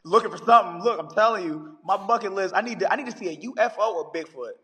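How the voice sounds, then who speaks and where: A man who is a science teacher, chatting on a podcast as a guest and telling stories with animated energy. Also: high-pitched, quick pace, big-room sound. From United States. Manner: animated storyteller, acts out callers in quotes. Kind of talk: casual podcast chat.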